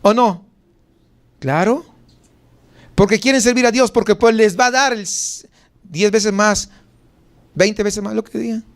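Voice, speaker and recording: A pastor with a Mexican Spanish accent preaches a sermon in a notably high voice. He speaks conversationally and unhurriedly with long pauses, firing off rhetorical questions and rising sharply for emphasis.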